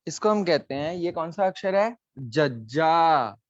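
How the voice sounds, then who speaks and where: A man's voice: sits high, moderate pace, no room sound, highs cut off. A man teaching a live online class, explaining letters patiently and coaxing students, dropping in English phrases.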